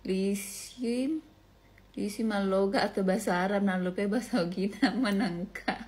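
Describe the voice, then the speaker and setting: Woman from Indonesia, Bugis accent, casual animated monologue, slips between languages, laughs easily. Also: medium pitch, normal speed. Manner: mixes regional language into chatty talk.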